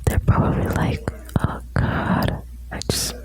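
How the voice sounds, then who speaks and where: A woman whispers slowly, right up by the ear, in an ASMR style. She is soothing and intimate, reading short lines and adding chatty asides as if to one listener. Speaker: ASMR host reading quotes.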